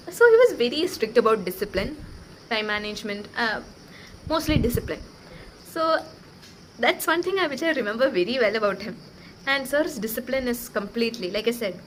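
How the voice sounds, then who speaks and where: Young woman vlogger, a bit high-pitched, earnest storyteller who acts out quoted dialogue; faint room hum behind. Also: fairly bright tone, low-quality recording. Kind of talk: casual personal storytelling.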